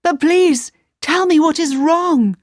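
A woman's voice: very high voice, takes it slowly, darkish tone, dry recording, clean studio sound, pitched above the performer's own voice. A woman voicing an anxious, eager young hero in a storybook reading, with pleading, urgent speech.

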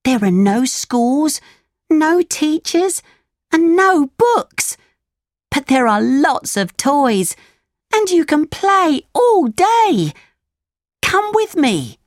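A woman's voice: on the high side, unhurried, few pauses, no room sound, studio quality, voice pushed up, natural voice. A woman voicing a boastful schoolboy who talks up a place of endless play. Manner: lively and boastful. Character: boastful boy, eager for fun.

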